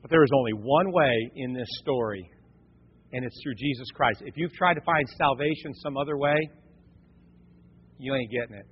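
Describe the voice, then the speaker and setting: A male pastor preaching a sermon in an animated way, rising to near shouts when he drives a point home. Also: mid-range voice, moderate pace, pauses often, slight background noise. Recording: dull lo-fi sound with long hall reverb.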